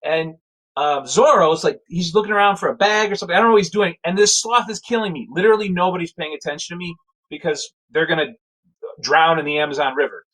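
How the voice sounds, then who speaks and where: A man telling a casual spoken anecdote in a rambling, animated way, full of fillers and restarts. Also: on the high side, quick pace, low-quality recording. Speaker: storyteller.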